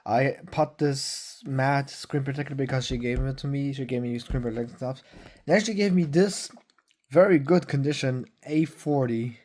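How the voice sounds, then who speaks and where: A young man of about nineteen talks through his phone collection at home in a loose, unscripted way. His voice sits at an ordinary middle pitch, and he stumbles, restarts and fills gaps with "uh" and "like" as he goes. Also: a little mellow. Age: young adult. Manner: rambling, halting, many fillers and self-corrections. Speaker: tech vlogger. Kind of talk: casual phone review.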